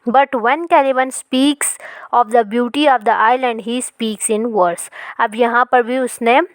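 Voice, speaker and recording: A woman teaching a literature lesson. She explains in Hindi, reads English passages slowly, and often checks in with "ठीक है". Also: fairly high pitch, steady tone, dry recording.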